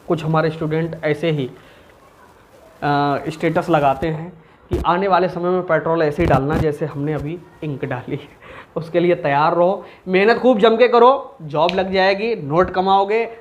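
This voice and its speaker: Against a noisy background, a man whose voice is on the high side teaches commerce at normal speed. The informal recorded lesson has him lively, asking his own questions and answering them.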